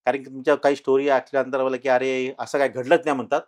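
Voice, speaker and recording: A middle-aged man tells his own ghost experience as a podcast guest, talking casually with many pauses and restarts and growing louder at the tense moments. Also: mid-range voice, flat delivery. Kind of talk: casual storytelling in an interview.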